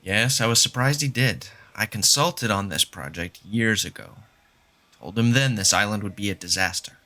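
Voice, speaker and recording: Sharp, low-voiced Ian Malcolm acted by a man. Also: lively intonation, normal speed. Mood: gloomy certainty. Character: smug, doom-saying male chaos mathematician. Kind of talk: audio drama acting.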